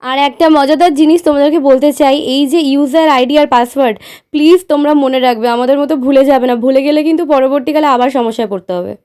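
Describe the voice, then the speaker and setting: A woman vlogger with a Bengali accent talks in a voice-over, walking viewers through steps with many filler sounds. Her voice sits high and the words come out fast. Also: a little mellow. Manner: instructive, addresses viewers directly, many filler "ah"s. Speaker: travel vlogger. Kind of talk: voice-over explaining online booking.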